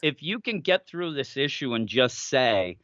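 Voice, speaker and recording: A man co-hosting a casual comic book review chat, animated and acting out character lines in quick voices. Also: medium pitch, no room sound, lo-fi sound. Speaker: comic book podcast co-host.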